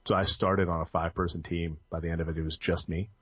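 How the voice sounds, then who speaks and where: A man's voice: low voice, level tone, fast talker, fairly bright tone, slightly rough, dry recording. A young man, a guest on a podcast, talking casually about his IT work, rambling with lots of ums and restarts. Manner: rambling, frequent ums and self-corrections. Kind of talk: casual conversational interview. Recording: dull lo-fi dry podcast audio.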